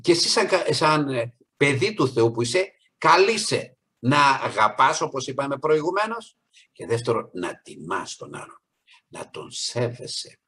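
Husky-voiced man preaching a sermon. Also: mid-range voice, very animated, sharp tone. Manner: earnest, voice rises on key points, acts out quoted people.

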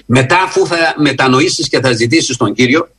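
A man delivers a sermon in a slightly rough voice, earnest and emphatic. He often rises in pitch with lively lifts and slows down to stress key phrases.

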